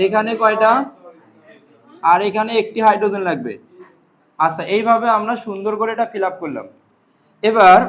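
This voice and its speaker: A high-voiced male chemistry teacher gives a classroom lecture built on call-and-response questions. He drills students with repeated questions and answers.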